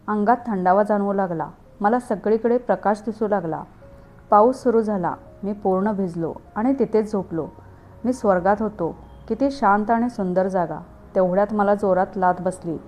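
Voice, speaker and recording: A woman narrating a first-person story in a steady, earnest way. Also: medium pitch, slight background noise.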